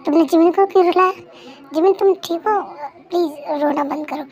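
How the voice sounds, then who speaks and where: A woman's voice: extremely high pitch, a little fast, darkish tone, muffled recording. A woman voicing a stern older brother who scolds the husband reproachfully in a fan-made dub. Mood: scolding. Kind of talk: fan Hindi dub role-play.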